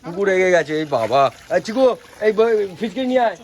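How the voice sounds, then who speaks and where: Excited high-voiced vlogger man. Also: fairly quick. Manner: excited, repeatedly urging viewers to look. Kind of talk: casual vlog narration. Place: outdoors at a family Holi celebration.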